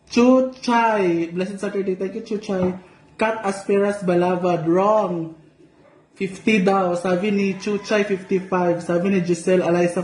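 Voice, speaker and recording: A man hosting a casual livestream, reading out viewer comments with playful, teasing jokes. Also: sits high. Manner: playful and teasing, joking asides. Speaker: vlogger reading live comments. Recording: echoey room with faint noise.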